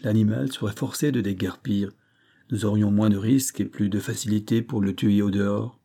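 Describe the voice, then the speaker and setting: A man reading as a calm, shrewd hunting guide. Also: fairly low pitch, moderate pace. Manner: calm, practical suggestions.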